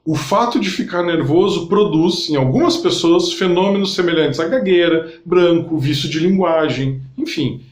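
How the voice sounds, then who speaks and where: A man's voice: sits high, a little mellow. A man giving an explanatory online lesson, speaking directly to the viewer and walking through steps one by one. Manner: didactic, addresses the viewer directly, pauses to list steps. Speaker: NLP instructor. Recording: roomy echo.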